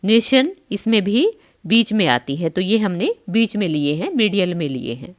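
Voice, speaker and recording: A woman teacher giving an online school English lesson. She spells out words letter by letter, pronounces each one carefully, and reads English lines slowly before explaining them in Hindi to the children. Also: medium pitch, big pitch swings. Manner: addresses her pupils as children.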